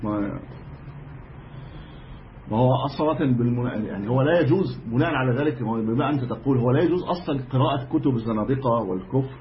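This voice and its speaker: A man's voice: medium pitch, fast, slight background noise. A man with an Egyptian accent teaching a religious lesson as a sheikh, explaining emphatically and often restarting his phrases. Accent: Egyptian Arabic. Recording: dull lo-fi lecture recording.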